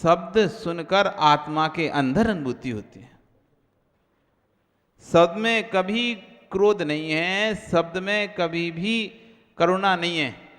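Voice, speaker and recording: A man giving a sermon as a monk, chanting scripture verses slowly and then explaining them with questions to his listeners. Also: fairly bright tone. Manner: acts out everyday quoted remarks in a lower voice. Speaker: Jain monk preacher. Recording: long hall reverb.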